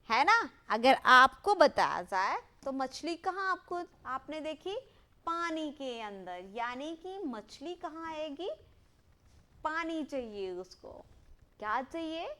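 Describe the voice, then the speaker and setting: A woman leads a lesson for young children, her voice high and swooping widely up and down. She speaks slowly, prompting the class with questions and drawing out key words for them to repeat in call and response. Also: very animated, sharp tone. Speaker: teacher.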